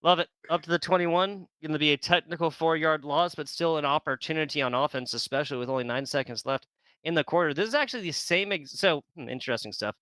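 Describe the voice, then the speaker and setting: A man calling a video game football match as play-by-play commentator, chatty and quick to laugh. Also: on the high side, steady tone, fairly bright tone, clear, resonant tone, dry recording. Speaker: esports commentator.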